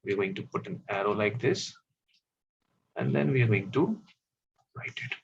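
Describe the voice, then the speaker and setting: A man teaching a class, explaining step by step and often pausing with fillers. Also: on the low side, lively intonation, gravelly, slight background noise. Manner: slow, stop-start explaining with fillers. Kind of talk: classroom map lesson. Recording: dull, slightly lo-fi audio.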